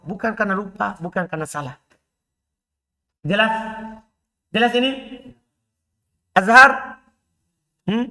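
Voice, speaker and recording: A man teaching Arabic grammar in a live class, explaining each point and often asking his students quick questions to check they follow. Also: sits high, pushed and bright.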